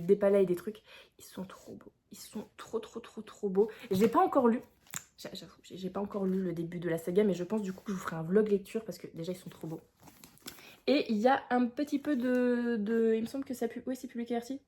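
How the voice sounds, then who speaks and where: A young woman chatting casually in a reading vlog, expressive and full of fillers, with bursts of excitement. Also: fairly high pitch, a little hiss or hum. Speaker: book vlogger.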